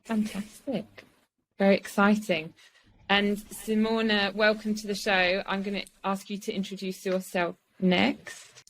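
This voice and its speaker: A woman's voice: mid-range voice, flat delivery, measured pace, a little hiss or hum, low-quality recording. A woman hosting a podcast, welcoming and interviewing guests. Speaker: podcast host.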